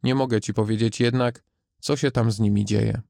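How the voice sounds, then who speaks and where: A man reading the part of Death, a stern calm gardener of souls, in a grave measured voice. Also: lowish voice, gravelly, no room sound, studio quality.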